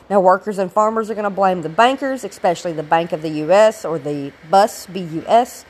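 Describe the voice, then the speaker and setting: A woman with a gravelly voice, getting over a cold, giving an informal recorded history lecture as a teacher with explanatory asides. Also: mid-range voice, a little mellow.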